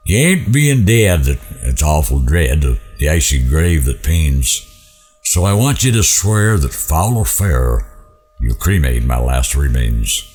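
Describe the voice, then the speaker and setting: A man acts out a miserable gold prospector in a storytelling poem. The voice is very low and husky, with a homely cowboy drawl. It swings widely in pitch as he speaks in rhymed, plaintive lines. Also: sing-song, slow pace, darkish tone, exaggerated voice. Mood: moaning dread. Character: cold, miserable gold prospector from Tennessee, pleading.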